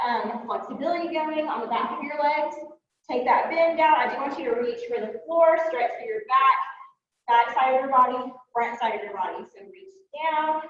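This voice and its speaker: High-voiced woman leading a workout, echoey. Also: a bit bright. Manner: upbeat cueing with frequent "um" fillers; talks while moving and exercising. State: a little winded. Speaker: fitness instructor. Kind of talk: workout class instruction. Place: fitness studio. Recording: echoey room, distant mic, dull sound.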